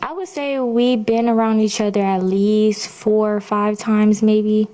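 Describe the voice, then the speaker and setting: Hesitant young woman with a mellow voice. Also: mid-range voice, steady tone, measured pace, clean tone. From Georgia, United States. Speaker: witness. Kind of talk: courtroom testimony, brief casual answers. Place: courtroom.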